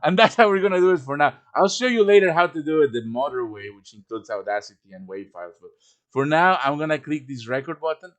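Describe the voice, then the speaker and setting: Fast and animated, this man's voice sits on the high side as he hosts an improvised software tutorial streamed live over voice chat. He thinks aloud while working through each step.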